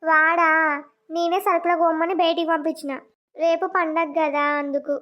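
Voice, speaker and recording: A kind, soothing mother-in-law from a village cartoon, voiced by a woman. She speaks gently in a very high voice. The audio is dull and lo-fi. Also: flat delivery, moderate pace. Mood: caring.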